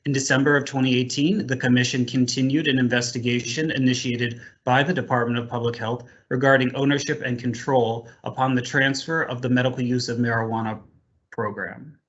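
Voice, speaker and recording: A man's voice: medium pitch, fairly even intonation, brisk, fairly bright tone, dull audio. A man formally reading a report to a commission over a video call, his audio choppy and breaking up. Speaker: staff member presenting a report to a commission.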